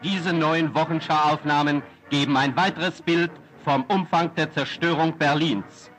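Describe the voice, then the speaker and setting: An old newsreel narration by a man with a slightly raised pitch, declaiming formally like an announcer. Faint music runs beneath his voice. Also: steady tone, unhurried, a bit bright. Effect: old newsreel narration played from archive.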